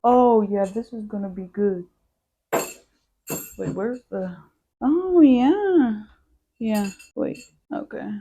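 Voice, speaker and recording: A young woman hosting a casual home sewing tutorial, chatty and quick to interrupt herself. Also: mid-range voice, animated, mellow, a little hiss or hum. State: a little out of breath. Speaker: sewing channel host.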